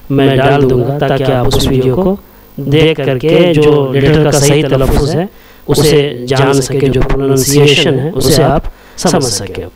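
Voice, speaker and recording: A man teaching Arabic letters, repeating each sound patiently in a slow chanting cadence. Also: on the high side. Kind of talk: slow recited lesson, drilling letter sounds.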